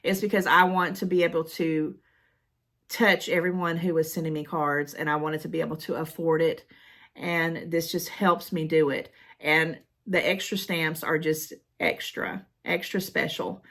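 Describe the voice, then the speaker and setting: A woman's voice: low-pitched, flat delivery, measured pace, a bit bright. A woman vlogger chatting casually and emotionally as she reads cards from her viewers. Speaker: haul vlogger.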